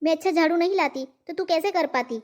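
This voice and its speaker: A woman's voice: very high-pitched, quick pace, darkish tone. A woman voicing a bossy, boastful mother-in-law in a cartoon, talking in a nagging, self-praising way. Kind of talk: cartoon voice acting.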